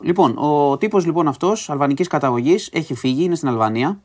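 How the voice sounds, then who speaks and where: A man's voice: fairly high pitch, expressive, a little mellow. A man hosting a podcast, recapping news stories to a co-host in a casual, conversational way with asides and hesitations.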